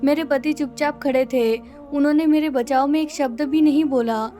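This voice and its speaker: A woman reading a scripted first-person story in a steady, measured way. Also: high voice, soft background music.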